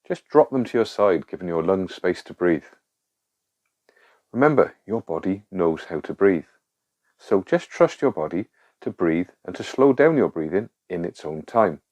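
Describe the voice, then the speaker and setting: Deep-voiced man calmly guiding a grounding exercise. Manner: calm, reassuring, instructing. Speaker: guide of a panic relief exercise.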